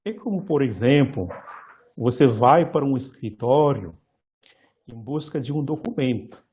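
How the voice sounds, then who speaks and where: Speaking in a medium-pitched, expressive and mellow voice, a priest gives a sermon like a lecture. He is slow and measured, stopping frequently and fixing words partway through.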